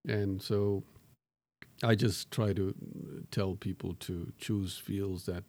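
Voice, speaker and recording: A low, slightly mellow male voice moves slowly and evenly as a middle-aged professor chats in an interview. He was born in Tanzania to Indian parents, and he comes across as thoughtful and self-deprecating, with many fillers and restarts.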